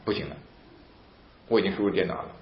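Fast-talking deep-voiced man telling a story. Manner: animated, re-enacts dialogue with emphatic outbursts. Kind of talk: casual storytelling. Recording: roomy, dull lo-fi recording with faint hiss.

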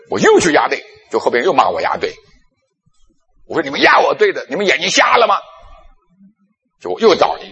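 A male preacher speaking with a breathy, husky voice, his pitch leaping up and down as he acts out scenes from his own past. The sermon rings out in a large hall with long reverb trailing each phrase. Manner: animated storytelling, acting out his own past self. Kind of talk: sermon with personal stories.

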